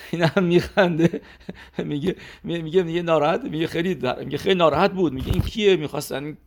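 A man teaching a religious class in a fairly high voice. He talks casually, telling a story with restarts and fillers, and briefly acts out the people he quotes. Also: vocal fry, darkish tone. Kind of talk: religious class with a told anecdote.

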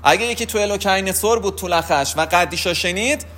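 A man giving a spoken religious lesson, explaining the rules of prayer and pausing often to ask and answer his own questions. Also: sits high, a bit bright, soft background music. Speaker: religious teacher.

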